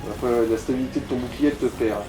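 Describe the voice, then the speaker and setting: A man with a medium-pitched, fairly even voice talks rapid-fire, casually coaching a player through a video game in colloquial language with some swearing. He's acting as co-commentator, and the low-quality recording has music behind him.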